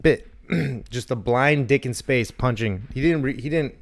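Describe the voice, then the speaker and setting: Creaky and unhurried, a medium-pitched man in his thirties co-hosts a comedy podcast. His casual chat wanders through jokes and heavy swearing.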